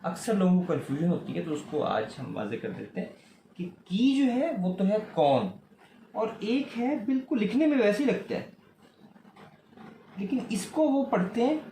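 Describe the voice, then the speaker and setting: A man with a Pakistani Urdu accent teaching a recorded lesson to children, patiently repeating each word slowly and asking questions back. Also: high-pitched, warm tone. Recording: echoey room, faint ambient noise.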